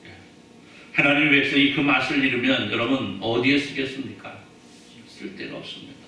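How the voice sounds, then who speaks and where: A male pastor preaches in a chatty, joking manner, turning again and again to the congregation with questions. His voice is bright and forward. It rings through a very echoey church hall, caught by a distant mic over faint room noise. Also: medium pitch, brisk. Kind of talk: sermon. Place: church sanctuary.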